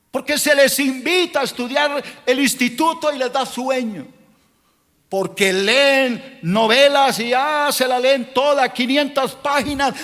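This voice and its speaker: A male pastor delivers a sermon in a high voice. He scolds his listeners and presses them with rhetorical questions. The sound carries a long reverb, as if in a large church hall. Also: sharp tone.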